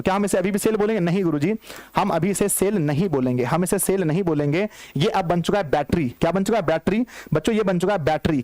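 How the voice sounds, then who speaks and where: A man's voice: sits high, darkish tone, no echo. A man with a Bihari Hindi accent teaching a school physics lesson, coaxing his students and answering his own questions over and over.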